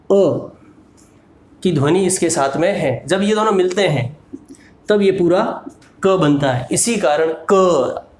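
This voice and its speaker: A man teaching with a slow, patient delivery, spelling letters out one at a time. His voice sits a little high, and the room around him echoes. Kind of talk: slow explanatory lesson.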